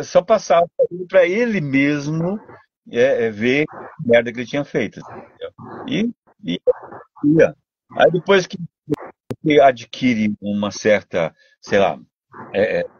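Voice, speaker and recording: A man's voice: medium pitch, breathy edge, dry recording, muffled recording. Older brazilian guy, dubbing director telling stories, dry close sound, lots of restarts. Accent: Brazilian Portuguese. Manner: animated storytelling, many restarts. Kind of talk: casual interview chat.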